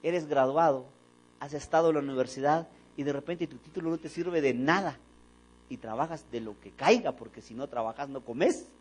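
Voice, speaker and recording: A man's voice: fairly high pitch, moderate pace, poor audio. A man preaching a sermon in a church, telling stories and acting out the dialogue. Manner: animated storytelling, acting out dialogue. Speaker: pastor. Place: church sanctuary.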